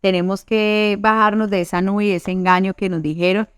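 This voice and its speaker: A woman from Colombia preaches to a youth group with earnest conviction. Her voice is smooth and clear, at a middle pitch, and the sound is dry and close. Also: fairly even intonation, brisk, no room sound. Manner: earnest, acts out quoted church women. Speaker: youth pastor.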